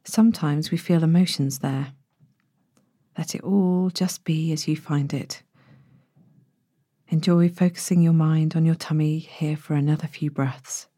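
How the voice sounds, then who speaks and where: A woman with a soft, breathy voice that slips toward a whisper, gently guiding a bedtime relaxation in the soothing, unhurried manner of a sleep story narrator. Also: sits low, steady tone, dry recording. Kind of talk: guided bedtime body-scan meditation, sleep story narrator delivery.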